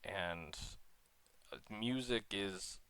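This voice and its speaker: Young guy with a deep voice, bright and crisp, stumbles over his words, kinda bummed. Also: no echo. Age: young adult. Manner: halting, stuttering, downbeat and quiet. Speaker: vlogger. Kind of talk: casual rant to camera.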